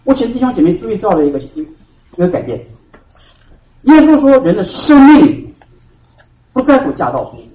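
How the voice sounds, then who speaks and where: A man preaching a sermon to his congregation as their pastor. He hammers key words loudly, then drops to hushed asides. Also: high voice, sing-song, moderate pace, long pauses. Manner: emphatic preaching, swinging between loud stresses and hushed asides. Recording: roomy hall from a distant, dull mic.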